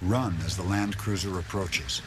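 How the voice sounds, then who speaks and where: A man's voice: low-pitched, fairly even intonation, a little slow, noisy background. A man reading scripted narration for a nature documentary.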